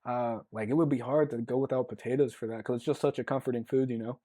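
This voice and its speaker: Another fast-talking podcast co-host speaks in a medium, dark voice with fairly even intonation. His casual chat meanders as he works through his thoughts, heavy on fillers and constant "like."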